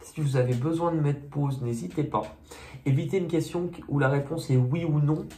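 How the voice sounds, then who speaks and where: A man's voice: fairly high pitch, normal speed, warm tone. A man giving a casual monthly tarot reading, chatty and hesitant, with many fillers and self-mocking asides. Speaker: tarot card reader. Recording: echoey room, faint noise.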